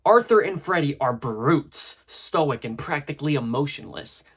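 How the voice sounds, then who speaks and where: A man with a husky voice narrating a scripted video essay in a conversational, analytical way, with casual asides. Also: a little high, expressive, unhurried.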